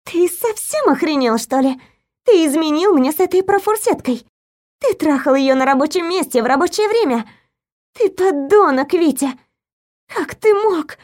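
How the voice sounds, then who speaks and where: A betrayed, furious woman, as the narrator puts her on lashes out in a raised, shrill voice. She sounds indignant and wounded, and her voice sits higher than the narration around it. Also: lively intonation, normal speed. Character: hurt, furious grown woman in love. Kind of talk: audiobook character voice.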